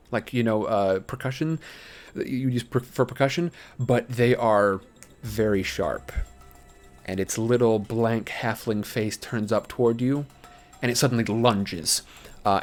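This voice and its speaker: A man running a tabletop game as game master, improvising narration and thinking aloud hesitantly for his chat. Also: medium pitch.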